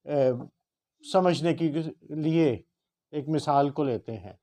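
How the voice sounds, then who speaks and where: Brief: man, fairly high voice, earnest teacher who stresses each word. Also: mellow. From Punjab. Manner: emphatic, slows to spell out word pronunciations. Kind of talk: motivational lesson.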